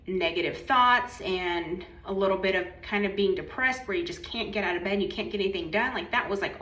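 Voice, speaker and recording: Woman kinda high voice telling her story casually to camera, starts and restarts, bathroom echo all over it. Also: a bit bright. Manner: informal, halting storytelling with self-corrections. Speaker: video creator sharing prophetic dreams. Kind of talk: casual personal testimony to camera. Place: bathroom at home. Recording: echoey bathroom reverb.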